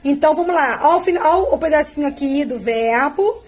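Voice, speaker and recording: A Brazilian woman teaching a grammar lesson to children, drawing out verb forms patiently and checking in with a quick "tá?". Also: sits high, lively intonation. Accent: Brazilian Portuguese. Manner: ends phrases with a checking "tá?". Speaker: primary school teacher.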